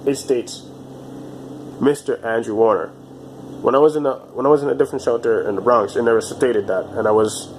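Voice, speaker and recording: A man in his twenties talking alone to his channel in a halting, repetitive way, often restarting his phrases. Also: medium pitch, a little hiss or hum, low-quality recording. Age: 20s. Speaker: vlogger. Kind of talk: casual monologue to camera.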